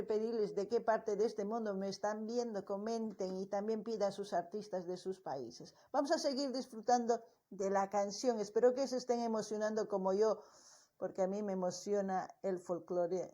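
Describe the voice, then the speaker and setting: A woman hosting a music reaction video, talking slowly and tenderly and switching between Spanish and Quechua. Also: medium pitch, warm tone.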